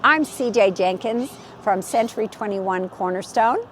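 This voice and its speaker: A Californian woman in real estate walks a lakeside golf course trail outdoors, giving a relaxed, friendly tour of the lakeside community full of stories. Her mid-range voice is unhurried, with slight background noise behind it.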